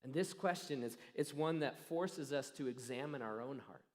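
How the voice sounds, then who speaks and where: A pastor preaching a sermon, telling a story earnestly with dramatic pauses that trail off softly. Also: male voice, medium pitch. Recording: long reverb of a church hall.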